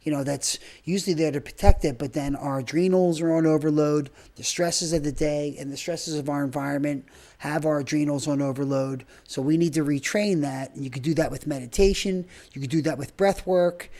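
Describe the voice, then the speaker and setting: Breathwork instructor, dark mellow tone, mid-range pitch, informal rambling explanations, demonstrating while talking. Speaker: breathwork and movement trainer.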